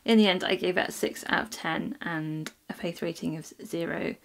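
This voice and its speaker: A woman's voice: on the low side, moderate pace, vocal fry. Chatty woman reviewing books. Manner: chatty, many ums and restarts. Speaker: book reviewer. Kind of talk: casual book review vlog.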